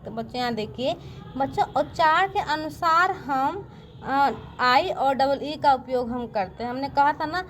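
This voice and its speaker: A woman's voice: sits high, a little slow, fairly bright tone, slight background noise. A woman teaching a patient classroom-style lesson, speaking to the listeners as children and often asking checking questions.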